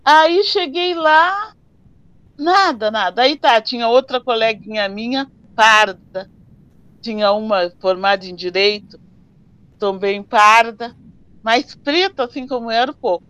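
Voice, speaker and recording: An older woman, who tells her memories as lively stories in an interview. The sound is dry and a little dull, with no room around her. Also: on the high side, unhurried, clean tone, dry recording. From southern Brazil. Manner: animated storyteller who acts out dialogues. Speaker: interviewee recalling her working life. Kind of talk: oral history interview. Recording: slightly dull, dry recording.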